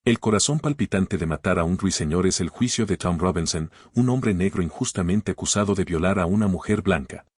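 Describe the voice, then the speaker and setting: A man hosting a podcast, reading scripted literary commentary in a measured, formal way and posing rhetorical questions. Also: sits low, a little mellow, husky, no echo, clean studio sound. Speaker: podcast host.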